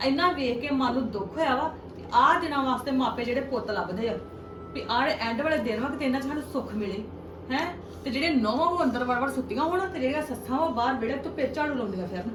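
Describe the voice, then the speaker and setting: A woman's voice: high voice, animated, quick pace. A woman playing an earnest, reproachful married sister in a family skit, with a Punjabi accent. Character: concerned married sister reproaching her brother. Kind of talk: amateur family skit acting. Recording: echoey, noisy, distant microphone.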